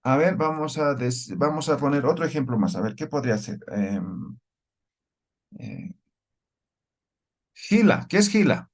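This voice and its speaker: A man's voice: medium pitch, lively intonation, unhurried, pauses often. A man teaching a language class. He explains step by step and keeps checking with the students through short questions. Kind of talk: classroom lecture.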